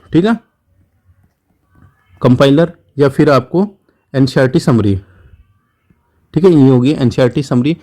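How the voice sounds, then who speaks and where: An Indian-accented man with a medium-pitched, dark voice teaches an informal exam-prep lecture, blending Hindi with English terms. He is instructive and repetitive and keeps checking in with short tags.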